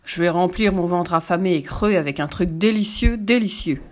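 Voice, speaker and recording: A woman's voice: lowish voice, normal speed, natural voice. A woman voicing a greedy, boastful huge male crocodile in a read-aloud storybook. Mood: gloating. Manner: gloating, boastful.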